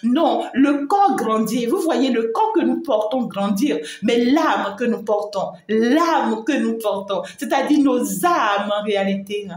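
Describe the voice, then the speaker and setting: Brief: a woman spiritual host streaming live, emphatic and repetitive, fond toward viewers, fairly high voice. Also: expressive, unhurried, few pauses. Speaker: spiritual medium and channel host. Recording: roomy echo.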